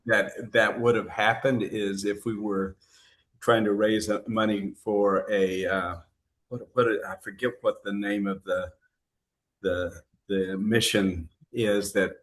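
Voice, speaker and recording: A middle-aged man and pastor co-hosting a podcast, telling stories in casual chat with many pauses and fillers. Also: fairly low pitch, steady tone, a bit bright. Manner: hesitant storyteller, many "uh"s, laughs mid-story.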